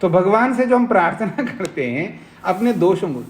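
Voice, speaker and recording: Middle-aged swami lecturing a class. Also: male voice, high-pitched, lively intonation. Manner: explains slowly with repetition and questions to the class; acts out both sides of a debate in raised tones. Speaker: swami teaching philosophy. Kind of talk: scriptural lecture to students. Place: ashram classroom.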